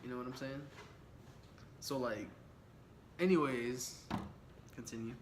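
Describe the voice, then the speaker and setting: A young man tells stories in a relaxed, slangy way, wandering off track and chuckling as he goes. He sits at a medium pitch. There is steady background noise in the room. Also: unhurried. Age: young adult. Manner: laid-back, slangy and rambling, laughs often. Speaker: vlogger. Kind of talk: casual story time chat.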